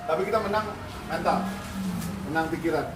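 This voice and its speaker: A man's voice: on the high side, brisk. A man, a dog behavior trainer, explaining and coaching owners in a firm, casual way, mixing in English commands. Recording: roomy, distant mic, music behind.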